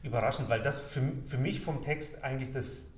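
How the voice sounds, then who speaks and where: A man's voice: mid-range voice, brisk. A man hosting a conversation with musicians, asking questions casually with many fillers. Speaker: pianist host. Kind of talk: casual interview talk. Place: living room with a piano and plants. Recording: echoey room, faint hiss.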